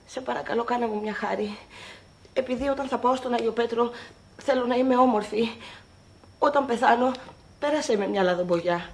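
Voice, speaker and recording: An actress playing a sharp-tongued woman faking illness, with a brash, mocking, melodramatic manner, in a film comedy. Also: fairly high pitch, long pauses, natural voice.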